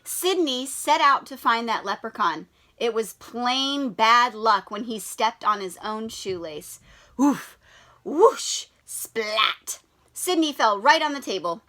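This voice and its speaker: In a slightly high voice and at a slow pace, a female teacher reads a children's picture book aloud. She brings the story to life expressively and asks the children questions.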